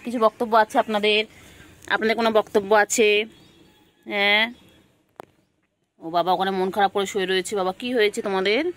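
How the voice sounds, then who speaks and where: A woman's voice: medium pitch, fairly even intonation, fairly quick, pauses often, fairly bright tone. A woman, filming her cats and talking to them in cooing, sing-song baby talk. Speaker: cat owner filming her pets.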